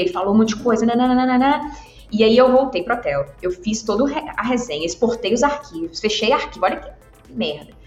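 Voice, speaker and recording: Woman co-host, animated storyteller, bit high, echoey room. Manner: animated storyteller, laughs often. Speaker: podcast co-host. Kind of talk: casual chat. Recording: roomy, dull sound with faint music.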